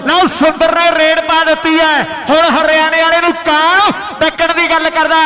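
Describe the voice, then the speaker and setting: A man with a Punjabi accent and a very high-pitched voice gives live kabaddi commentary at an outdoor village tournament ground, moderately paced yet completely flat in delivery. Hearty and exclamatory, he repeats phrases, calls listeners his friends, recites rhymed verse, and thanks the sponsors.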